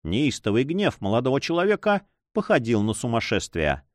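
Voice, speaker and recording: A man narrates an adventure novel with dramatic expression. His pitch rises and falls widely over a dry, close recording with an ordinary middle pitch. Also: huge pitch swings, moderate pace, no room sound. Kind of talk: audiobook reading.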